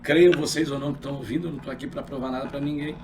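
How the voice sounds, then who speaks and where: Um pastor de meia-idade, homem com sotaque carioca, contando seu testemunho numa entrevista de forma animada e dramatizando os diálogos. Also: male voice, on the high side, rapid-fire, far from the mic, background noise. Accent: carioca Brazilian Portuguese. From Rio de Janeiro. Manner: animated storyteller, acts out dialogue. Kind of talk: personal testimony in an interview.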